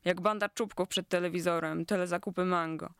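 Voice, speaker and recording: A reader voicing an irritable young woman who snaps and shouts accusations at her friends in a story. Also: mid-range voice, steady tone, brisk, smooth, dry recording, studio quality, natural voice. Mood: furious. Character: irritable, indignant young woman, quick to fury.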